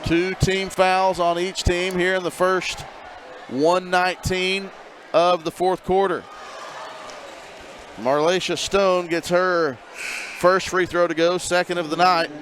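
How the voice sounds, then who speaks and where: A high-pitched man calls a high school girls' basketball game from courtside. He runs through the plays quickly and drops in dry, joking asides, with faint gym noise behind him. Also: level tone, fairly bright tone. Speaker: play-by-play announcer. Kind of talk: basketball commentary.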